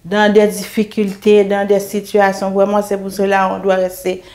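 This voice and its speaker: A woman's voice: medium pitch, completely flat delivery, moderate pace, dark tone. A middle-aged woman giving an earnest faith testimony in an interview, speaking hesitantly and often restarting or repeating her words.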